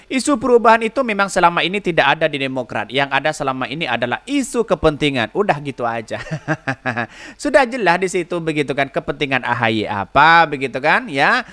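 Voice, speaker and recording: Lively, bright-voiced man commenting on politics. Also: fairly high pitch. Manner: chatty, sprinkles "begitu ya", reads viewer comments; chuckles often. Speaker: political podcast host.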